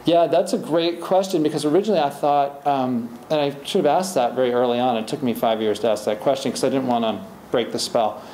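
A middle-aged man, an author speaking at a library talk, fields audience questions from a podium in a rambling, conversational style full of restarts. His voice is medium-pitched, brisk and warm, with few pauses. A podium mic and a distant camera pick him up indoors in a library event room, with roomy hall echo and faint hiss.

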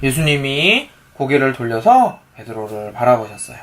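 A man's voice: mid-range voice, big pitch swings, normal speed, a bit bright, slight background noise. A father reading a picture book aloud to his young child, patiently asking her questions as he reads.

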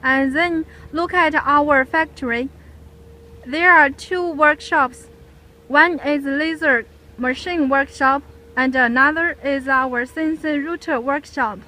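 A woman from a company's sales team walking viewers through the factory in simple, halting phrases with pauses. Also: high voice, sharp tone, poor audio. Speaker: sales representative giving a factory tour. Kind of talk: casual guided tour narration. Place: large factory workshops and yard.

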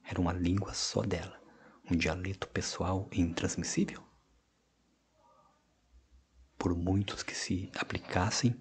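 A man narrating an audiobook of short stories in a measured, expressive reading with hushed passages. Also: low voice, a little hiss or hum. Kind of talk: scripted narration.

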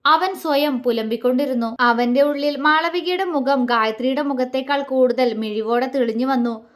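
High-voiced woman narrating a story. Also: normal speed. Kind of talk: scripted audio story narration.

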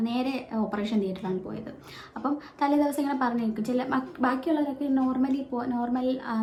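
This woman's voice is on the high side with a dark tone, and she has a Malayali accent. Chatting at home near her baby, she shares a personal story for her vlog with many fillers and restarts, recorded without a microphone in an echoey room with faint noise.

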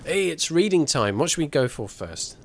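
A man's voice: a little high, very animated, normal speed, gravelly, background noise. A man streaming a game, chatting casually and reading in-game texts aloud in a playful, hammy dramatic way.

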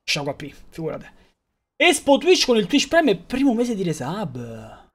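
Young streamer, high voice, casual joking banter with chat, loose and profane. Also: male voice, wildly swooping pitch, a little slow, a bit bright, breathy edge. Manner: rambling, joking, swearing, talks to chat. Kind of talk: live gaming stream chat.

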